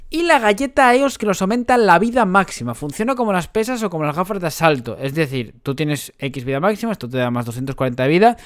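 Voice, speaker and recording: A man's voice: sits high, big pitch swings, quick pace, few pauses. A young man from Spain with a Spanish accent, talking casually to viewers as he explains a game build and plays. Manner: chatty, addresses viewers as cracks and chavales. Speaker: gaming YouTuber. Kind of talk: casual gameplay commentary.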